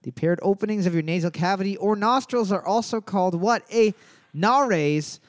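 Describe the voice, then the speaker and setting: With a high voice and no echo, a male trivia host keeps a live night lively. He reads questions, spells the answer choices letter by letter at a slow pace, and jokes in between rounds.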